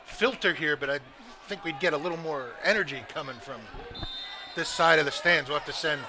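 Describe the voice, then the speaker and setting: A man giving relaxed, chatty color commentary at a live high school football game, with joking asides. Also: brisk. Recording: noisy outdoor broadcast recording.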